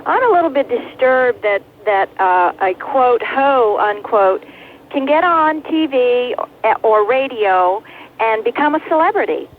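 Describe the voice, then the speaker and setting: A woman calls in over a clipped car phone line that sounds thin and tinny. Her voice sits high. She speaks in an indignant, moralizing way. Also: expressive, a little slow, a little hiss or hum. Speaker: caller. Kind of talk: call-in talk radio.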